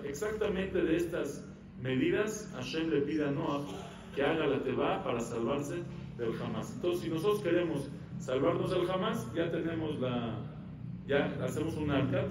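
A rabbi giving an animated Torah lecture, asking the audience questions and answering them himself. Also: male voice, on the high side, background noise. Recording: echoey room, mic at a distance.

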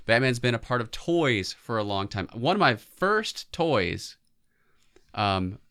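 A man's voice: mid-range voice, very animated, slow, bright, forceful tone. A man in his forties co-hosting a podcast, chatting casually about pop culture. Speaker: podcast co-host.

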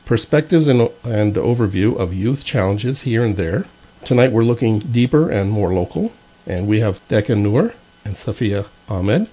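A man hosting a radio interview, reading his announcements and then asking relaxed questions. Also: on the low side, normal speed, breathy edge. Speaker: radio show host.

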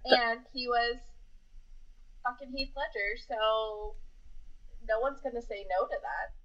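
A woman co-hosting a podcast in casual chat, blunt and quick to swear, laughing often. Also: fairly high pitch, fairly even intonation, a bit bright, lo-fi sound. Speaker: podcast co-host.

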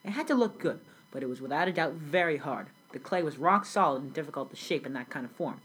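Heard over slight background noise on a rough recording, a young teen girl speaks fast in a low, lively, fairly bright voice. She plays a grown immigrant recalling childhood in South Sudan, telling it earnestly in a scripted school project interview.

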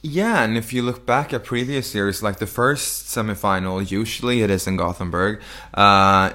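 A man's voice: on the low side, normal speed, sharp tone. A man co-hosting a podcast, chatting casually with many ums and the odd swear word. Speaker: podcast co-host.

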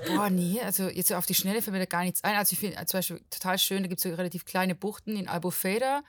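A young woman from Portugal, a talkative and lively podcast guest chatting casually and laughing often. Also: mid-range voice, fast. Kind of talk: casual chat.

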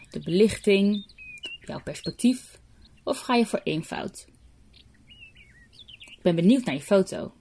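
A woman's voice: medium pitch, darkish tone. A woman hosting a podcast, speaking to listeners in a friendly, inviting way. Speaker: podcast host. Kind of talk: scripted address to listeners.

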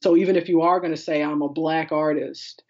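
A woman with a low, fairly even, slightly mellow voice talks briskly as an art curator being interviewed. Her explanations are discursive and conversational, and she paraphrases what others have said. The recording is muffled.

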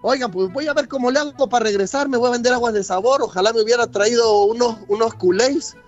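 A man's voice: very high voice, quick pace, muffled recording, faint music behind. An actor playing a broke, joking male sports reporter with a Veracruz Mexican accent and rambling, slangy talk.

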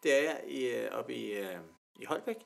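A young man from Denmark chats casually on a podcast. He tells stories with energy, slipping into the voices of the people he quotes. His pitch sits in the middle of the range. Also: vocal fry, a little hiss or hum. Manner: animated storyteller, acts out quoted people. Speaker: podcast co-host. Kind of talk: casual chat.

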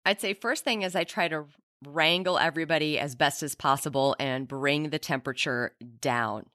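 Female ER doctor: methodical, very low voice, dry recording. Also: moderate pace, a bit bright, dry recording. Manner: methodical, lists steps in order. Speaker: emergency physician panelist. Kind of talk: panel discussion.

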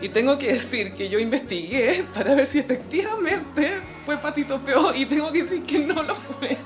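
A young woman with a Chilean accent co-hosts a casual podcast, retelling a TV scene with animated asides. She slips into put-on voices for the quotes. Music plays clearly behind her. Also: high voice, moderate pace. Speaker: podcast co-host. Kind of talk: casual chat.

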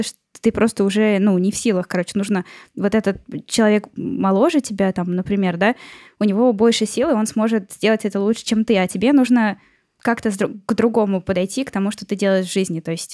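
A woman co-hosting a podcast, talking through an article in a relaxed way, thinking aloud with plenty of fillers. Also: mid-range voice, no echo, clean studio sound. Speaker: podcast co-host. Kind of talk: casual discussion of an article.

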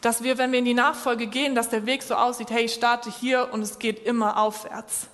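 A woman preaching with a fairly high voice. She speaks directly to her listeners and urges them on. Her voice rings with a long reverb, as if she is in a church hall. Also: level tone, fairly quick, a bit bright. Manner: direct, encouraging address to listeners. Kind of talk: sermon.

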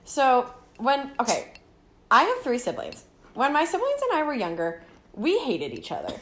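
Young female podcast co-host, high and lively voice, giggly storyteller. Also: normal speed, slight background noise. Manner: giggly, animated, acts out voices in her stories. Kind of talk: casual chat, storytelling.

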